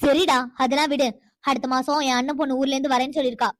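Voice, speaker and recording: A high, quick-talking cartoon mother, as a woman plays her, bossy and scheming, scolding her grown son in a commanding tone. The recording is dry and close. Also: fairly even intonation, no room sound, natural voice. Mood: domineering. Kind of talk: cartoon voice acting.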